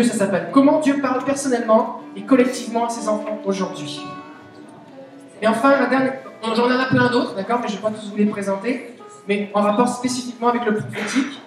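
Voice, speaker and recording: Québécois woman preacher, chatty and animated, slightly high voice, far off in a booming hall. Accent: Québécois French. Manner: chatty, animated, asks the audience questions. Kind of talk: conversational sermon. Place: church meeting hall. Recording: very echoey hall, voice from a distance. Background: soft guitar music.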